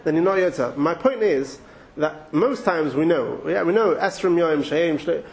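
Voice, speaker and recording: A man's voice: fairly high pitch, animated, normal speed, gravelly. Chatty English man teaching Torah. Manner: chatty, thinks aloud with restarts and asides. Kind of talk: informal Torah talk.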